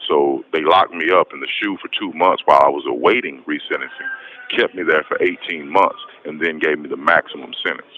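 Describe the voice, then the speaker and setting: A prisoner from west Texas calls in as an interview guest, giving a casual personal account over a muffled, noisy prison phone line. His voice is a low rumble and he speaks fairly quickly, with faint music behind him.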